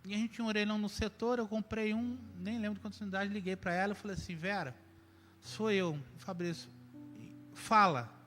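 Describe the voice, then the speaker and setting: A man preaching a sermon, emphatic, moving between loud urging and quiet reflection. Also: high voice, flat delivery, racing, hardly any pauses. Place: church sanctuary. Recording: church hall with long reverb and faint music.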